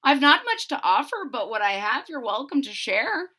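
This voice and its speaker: A woman voicing a gentle, kind old male harper in a storybook reading, soft-spoken and kindly. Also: high voice, sing-song, normal speed, heavily acted. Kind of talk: storybook read-aloud.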